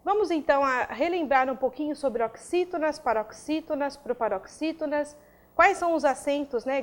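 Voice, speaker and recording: A woman giving a grammar video lesson, explaining step by step and often checking in with her students. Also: high voice. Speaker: grammar teacher. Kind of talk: video lesson for exam prep.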